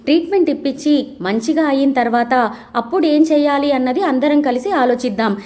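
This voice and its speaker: A woman voicing a father who gently persuades his daughter. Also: high-pitched, fairly quick, close to an everyday voice. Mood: persuasive.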